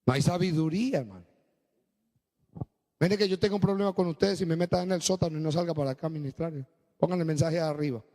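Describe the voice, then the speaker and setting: A man preaching a sermon as pastor, swinging between low, slow stretches and high, emphatic bursts. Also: mellow, in a large hall.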